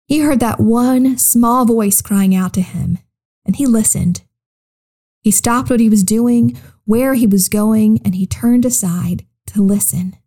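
A woman in her thirties hosting a children's podcast, gently narrating a Bible story and speaking directly to young listeners. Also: a little high.

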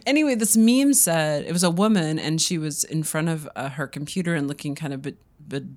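A woman co-hosting a podcast in casual chat, a little hoarse from a cold and laughing often. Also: low-pitched, brisk, a little mellow. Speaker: podcast co-host.

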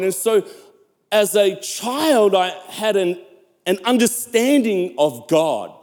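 A man's voice: high-pitched, darkish tone. A man from South Africa preaching a sermon as pastor, emphatic, repeating and stretching key words and urging his listeners on. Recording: long hall reverb.

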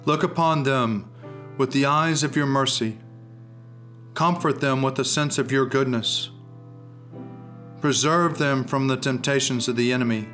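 A man leading liturgical prayer, reciting in solemn, measured phrases as an officiant. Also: mid-range voice, fairly bright tone.

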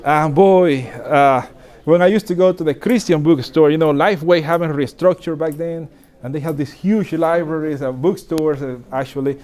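A man's voice: a little high, normal speed. A man in his forties from the Dominican Republic, giving an informal talk to pastors with frequent restarts and light laughter. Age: 40s. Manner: warm, self-deprecating, laughs often, frequent restarts. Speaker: pastor speaking to church leaders.

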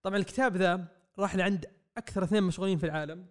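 A young man, rambling excitedly through a comic review on a podcast mic. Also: high voice, very fast. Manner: excitable, rambling, acts out quotes. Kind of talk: casual podcast review chat. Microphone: podcast microphone.

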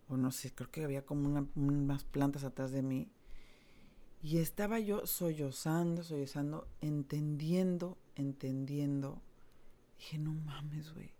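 A woman with a Mexican accent recounting a personal story in a casual, candid way. Her voice sits somewhat low and sounds soft and warm. She drops slang and swear words freely and speaks with open feeling.

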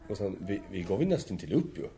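A man's voice: low voice, sing-song, warm tone. A man casually telling a hunting story to friends in an easygoing way, chuckling between phrases. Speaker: hunter telling stories.

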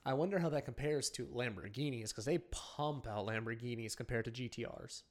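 A young man in his twenties talks quickly, his words tumbling out in rapid bursts. He is blunt and teasing, and swears casually while chatting as a podcast guest. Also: medium pitch. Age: 20s. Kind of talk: casual car chat.

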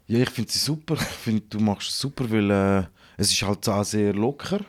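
A man's voice: on the low side, normal speed. A man in his thirties with a Swiss German accent, chatting loosely as a podcast guest and laughing often. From Switzerland. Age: 30s. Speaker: guest rapper. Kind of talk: casual podcast chat.

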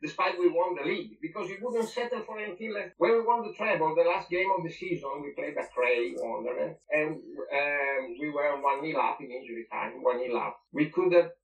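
Former goalkeeper reminiscing, distant roomy sound. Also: male voice, on the high side, a little fast, few pauses. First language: not English. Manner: emphatic, repeats phrases for emphasis. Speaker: former football goalkeeper, guest. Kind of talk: reminiscing interview.

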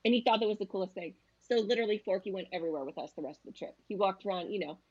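A woman's voice: medium pitch, very fast, a little mellow, dull audio. Chatty woman guest telling stories. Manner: chatty storyteller who acts out quotes. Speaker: travel agent guest. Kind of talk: casual chat.

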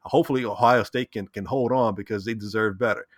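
A man's voice: lowish voice, steady tone, fast talker, dry recording, studio quality. A man in casual sports chat, talking animatedly, repeating words and acting out what he said and thought. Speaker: sports talk co-host.

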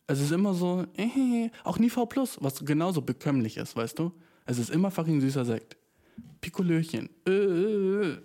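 Hosting his podcast, a young man rambles casually, cursing often and sprinkling in English slang. His voice is on the high side, animated and mellow, at a moderate pace.

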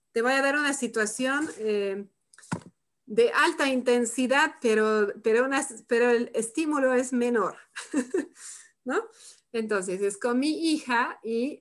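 A woman leading a live workshop, who talks calmly and reflectively and tags her phrases with "¿no?". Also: a little high. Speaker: workshop facilitator. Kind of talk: live online workshop demonstration.

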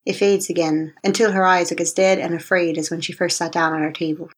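A woman narrating a fantasy thriller audiobook in the first person, with a measured, steady reading. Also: on the low side, slightly rough.

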